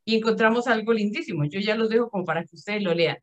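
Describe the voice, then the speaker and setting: A woman's voice: mid-range voice, quick pace. A woman who thinks aloud as she explains a reading to a Bible study group. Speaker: speaker in a virtual Bible study. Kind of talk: explanatory talk. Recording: dull, muffled sound.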